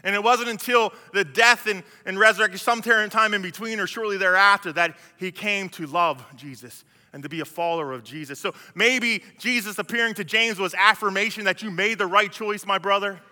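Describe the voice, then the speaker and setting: A man's voice: high-pitched, a little fast, hardly any pauses, pushed and bright, big-room sound. A male pastor preaching a sermon in a conversational way, retelling scripture scenes with frequent restarts. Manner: conversational, acts out biblical scenes, many restarts.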